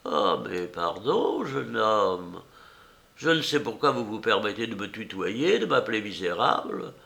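A man's voice: fairly low pitch, animated, a little slow, vocal fry, pushed and bright, heavily acted. A man voicing a garrulous, fussy old woman enameller who rambles on in a prim way. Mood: rambling. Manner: chatty, meandering, prim.

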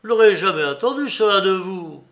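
A young investigating magistrate, as a man puts him on speaks with self-importance but rushes his words. The voice sits high and bright. It is part of a novel read aloud. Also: lively intonation. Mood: exasperated.

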